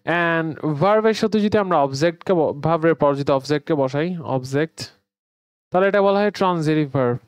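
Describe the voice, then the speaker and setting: Bangladeshi male English teacher, chatty lesson delivery, clear tone, dry recording. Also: on the high side, normal speed, no echo. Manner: conversational, mixing English words into explanations. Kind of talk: online grammar lesson.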